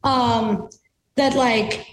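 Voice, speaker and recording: High-voiced young New woman, echoey. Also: fairly even intonation, slight background noise. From United States. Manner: quick, chatty, with many fillers. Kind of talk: casual conversation.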